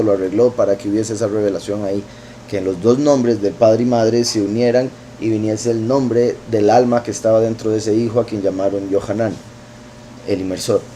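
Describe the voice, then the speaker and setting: A man, teaching scripture verse by verse in an unhurried way, thinking aloud with fillers and asides. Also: on the low side, warm tone, a little hiss or hum. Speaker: bible teacher.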